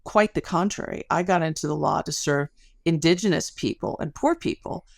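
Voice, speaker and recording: A middle-aged woman appears as an academic guest on a podcast interview, explaining things articulately through stories and analogies. Her deep, creaky voice moves at normal speed, captured in clean studio sound with no echo.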